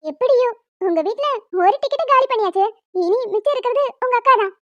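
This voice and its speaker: A woman's voice: extremely high pitch, expressive, fairly quick, fairly bright tone, no echo, lo-fi sound. A woman doing a cheeky young cartoon heroine. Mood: coaxing. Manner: coaxing, playful and unbothered. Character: young woman in superhero costume, cheeky and apologetic. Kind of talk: animated cartoon voice acting.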